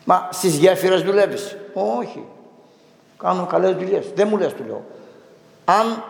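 A middle-aged male priest telling a story in a slow, emphatic sermon style, acting out the dialogue as he goes. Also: high voice, vocal fry, a little mellow. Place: church. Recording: echoey church with long reverb.

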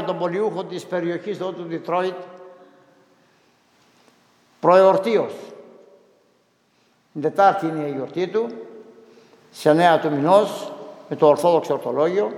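High-voiced priest in an echoing church. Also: male voice, darkish tone. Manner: storytelling with frequent "he says" and quoted dialogue. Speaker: Orthodox priest. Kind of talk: sermon retelling a Gospel story. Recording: echoey church hall.

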